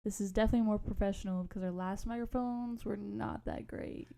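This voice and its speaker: A woman's voice: medium pitch, steady tone, a little fast, creaky, warm tone, a little hiss or hum. A young adult woman co-hosting a podcast, telling stories in a casual, slangy, rambling way and often losing her thread. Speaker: podcast co-host. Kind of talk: casual storytelling chat.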